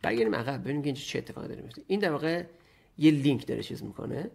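A man recording a casual screen tutorial, thinking aloud and dictating in slow, halting bits as he types. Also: medium pitch, lively intonation, creaky, a little mellow, breathy edge. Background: keyboard typing and mouse clicks.

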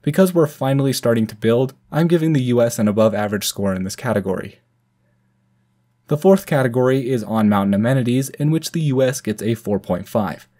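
A man's voice: mid-range voice, brisk, dark tone. American man hosting a ski review. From United States. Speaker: channel host. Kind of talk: scripted voice-over narration.

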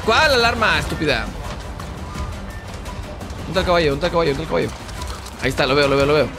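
A high-pitched man narrates his own gameplay in a loose, chatty way. He gets excited fast, yelling at enemies and grumbling at the game. Game music plays steadily behind him. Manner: excitable, shouts and curses at the game. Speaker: gaming channel host. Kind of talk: casual gameplay commentary. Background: game music and gunfire.

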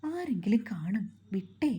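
A woman's voice: medium pitch, very animated, moderate pace, mellow, breathy edge. A woman storyteller voicing a playful young wife who teases and coaxes her husband. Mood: bashful. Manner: coaxing, pleading, playful.

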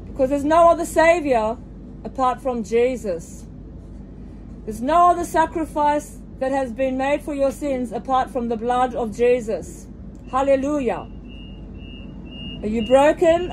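Woman preaching loud on a train, high voice, phone recording with lots of train rumble. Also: unhurried, low-quality recording. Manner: fervent, repeated hallelujahs and direct appeals. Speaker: street preacher. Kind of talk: preaching aloud to train passengers. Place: inside a moving commuter train. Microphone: phone camera held by the preacher.

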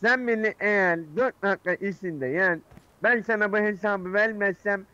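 A man's voice: sits high, moderate pace, bright, forceful tone, dull audio, a little hiss or hum. A man on voice chat who playfully taunts and teases another player in a childish way.

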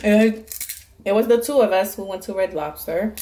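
A woman's voice: medium pitch, moderate pace, dark tone, slight background noise. A woman vlogger telling a rambling story while eating crab, repeating words for emphasis. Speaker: mukbang vlogger.

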